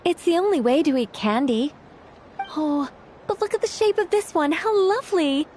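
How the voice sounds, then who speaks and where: A woman playing a dainty, fussy young woman in a video game, expressive and thinking aloud. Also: high-pitched, normal speed, slight background noise. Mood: delighted, torn. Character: bright, dainty young woman, fussy and gushing over pretty things. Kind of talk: video game character acting. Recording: music playing behind the voice.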